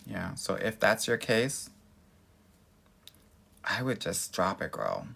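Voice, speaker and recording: A sing-song lilt marks this American man's lowish, gravelly voice, which is a bit bright and slightly rough, and he speaks slowly. The Los Angeles dating coach hosts a casual livestream, chatting with viewers in a sassy, effusive, girly best-friend manner.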